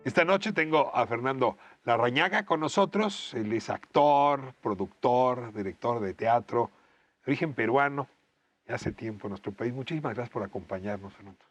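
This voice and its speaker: A man's voice: medium pitch, normal speed, dull audio. A man hosting a talk show, with a reflective, rhetorical opening before questioning his guest. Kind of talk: scripted opening then interview. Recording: loud music under the voice.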